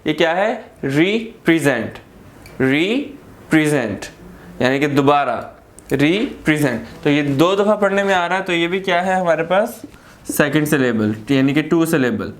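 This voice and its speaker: Slow-explaining Pakistani male teacher. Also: a little high, expressive. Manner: explains slowly, repeating words and asking rhetorical questions. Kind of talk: classroom grammar lesson.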